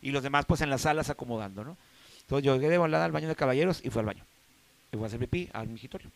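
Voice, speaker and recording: Mexican man, relaxed joker in a casual chat, slangy everyday voice. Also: mid-range voice, racing, vocal fry. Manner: joking, laid-back, slangy. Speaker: actor.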